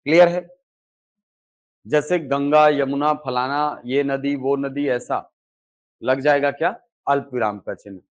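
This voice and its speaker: A man's voice: medium pitch, unhurried, long pauses. A male teacher giving a classroom lecture, asking questions and answering them himself, often checking in with "okay". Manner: repeats key terms with "ठीक है". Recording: dull lo-fi recording.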